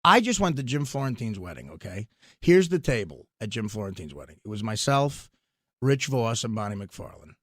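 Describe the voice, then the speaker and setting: A man, a comedian, telling stories on a podcast, excitable, his voice jumping up and getting loud at the punchlines. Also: on the low side, moderate pace, dry recording, studio quality. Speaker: comedian guest. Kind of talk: podcast storytelling.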